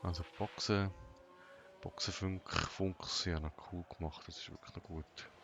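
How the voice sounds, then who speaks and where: A man commenting on his racing manager game in a flat, monotone, emotionless way. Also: low voice, a little slow, vocal fry, noisy background. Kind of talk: let's play commentary.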